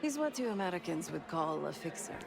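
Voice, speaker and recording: A cool, shrewd spy woman from a video game. Her voice is low with plenty of fry, controlled and confident as she instructs. Music is audible behind her. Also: sing-song, brisk. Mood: cool, instructing. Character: cool, shrewd female spy briefing an operative. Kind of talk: video game cutscene acting.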